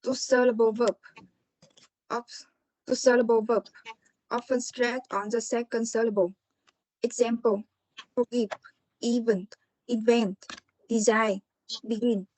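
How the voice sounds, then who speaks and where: A woman reads out her class presentation, pausing over each example word. Her voice sits a little high and moves at an unhurried pace. The sound is dry and close, with almost no room around it. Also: flat delivery, a little mellow, dry recording, low-quality recording. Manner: slow, word-by-word reading of examples. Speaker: student presenter.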